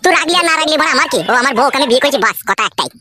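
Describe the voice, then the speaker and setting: A crude, stubborn young village husband in a comedy cartoon, defiant and foul-mouthed, as a woman drops her voice low to play him. He fires off his lines at a rapid clip over a noisy recording. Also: animated.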